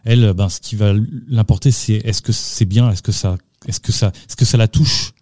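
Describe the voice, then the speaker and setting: A male musician speaks in a dark, mellow voice, close and dry in the studio. He answers slowly, searching for words with frequent fillers and restarts. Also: lowish voice, steady tone, dry recording. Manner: hesitant, lots of fillers and restarts. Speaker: singer and musician guest. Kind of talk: casual radio interview.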